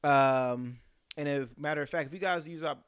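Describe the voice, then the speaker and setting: A man's voice: on the high side, normal speed, a bit bright, clean tone, no room sound, clean studio sound. Young man, casual podcast host, chatty, loose sponsor plugs. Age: 20s.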